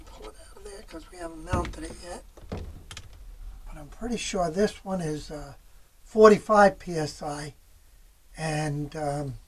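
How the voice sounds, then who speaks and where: A vlogger inside a small camping trailer giving a casual hands-on how-to, haltingly thinking aloud while working. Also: medium pitch, low-quality recording. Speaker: vlogger, DIY host. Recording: background noise, room ambience.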